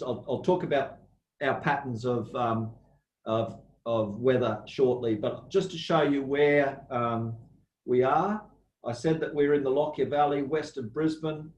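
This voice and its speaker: A man with an Australian accent giving a slow, measured guest lecture over a video call, pausing often with ums. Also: medium pitch, reverberant, rough recording. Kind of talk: online academic lecture.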